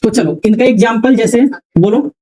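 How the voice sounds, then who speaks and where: A man's voice: very high-pitched, normal speed, dark tone, low-quality recording. A man teaching English pronunciation in a classroom, often asking the class questions and repeating their answers. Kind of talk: classroom lecture.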